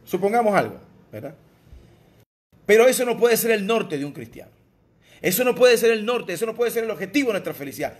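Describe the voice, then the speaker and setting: A man with a Venezuelan accent, a pastor preaching a sermon, who moves between soft low asides and raised emphatic lines and keeps asking "¿verdad?". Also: sing-song, brisk, pauses often. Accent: Venezuelan Spanish.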